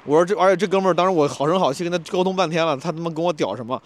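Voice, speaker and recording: A man telling a story in a casual vlog, animated and acting out a quarrel in a raised voice. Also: on the high side, rapid-fire. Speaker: comedian vlogger.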